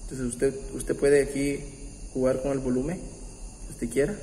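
A man hosting a keyboard tutorial, explaining step by step in a patient, halting way with many pauses and restarts. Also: mid-range voice, little pitch movement, slight background noise. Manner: warm, patient, uses religious greeting. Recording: roomy, echoey room with long reverb. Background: faint keyboard music.

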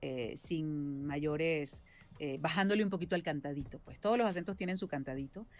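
Low-voiced voice actress chatting. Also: female voice, moderate pace, a little mellow. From Venezuela. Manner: reflective, explains at length with many tag questions. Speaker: voice actress and singer-songwriter, guest. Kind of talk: casual interview chat.

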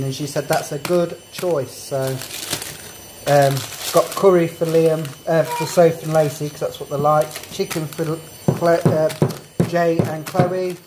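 A fairly high-pitched man casually tells viewers about feeding his kids, drifting easily from point to point in a home vlog. He films on a phone held at arm's length in a small kitchen and living room, and the background is noisy.

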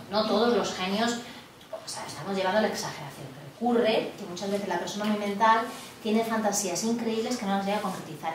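Woman leading a therapy workshop, animated and questioning; distant mic, clear background noise. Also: mid-range voice, very echoey. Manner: animated, digressive, asks the group questions. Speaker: body psychotherapy workshop leader. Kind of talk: informal lecture to a group.

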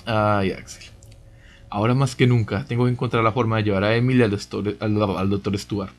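A man's voice: fairly low pitch, fairly even intonation, a little fast. A man doing casual let's play commentary, chatty, reading game dialogue aloud and reacting with exclamations and asides. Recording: music behind the voice. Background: game music.

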